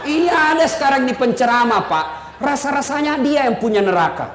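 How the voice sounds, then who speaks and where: A male preacher giving a joking, emphatic sermon to an audience in a large hall, sometimes shouting. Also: very high-pitched, lively intonation, a little fast, some chatter behind. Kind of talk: humorous sermon. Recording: echoey hall, faint noise.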